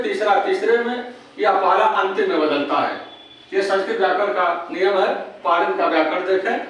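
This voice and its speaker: A man from Uttar Pradesh teaching a grammar lesson, patiently repeating key terms slowly. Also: high voice, fairly bright tone. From Uttar Pradesh, India. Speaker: English teacher. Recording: very echoey room, distant mic, faint noise.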